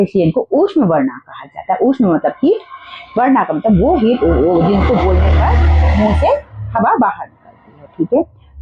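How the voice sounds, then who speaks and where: A woman teacher explaining a school lesson, patiently repeating syllables slowly for her students. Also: mid-range voice, slightly rough. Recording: tinny phone-like recording.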